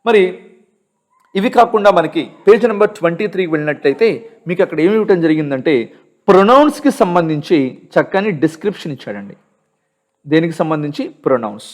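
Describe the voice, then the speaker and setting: A man with a high voice and a Telugu accent gives a grammar lesson. He reads each example sentence slowly and carefully. Then he explains it and asks his listeners questions. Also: animated. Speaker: teacher. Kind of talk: grammar lesson for exam students.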